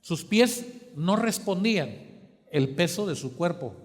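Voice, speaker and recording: A man preaching a sermon, asking the congregation to finish his sentences, moving between quiet and emphatic. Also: high voice, lively intonation, a little slow. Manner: asks the congregation questions for them to fill in. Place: church hall. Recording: long church hall reverb.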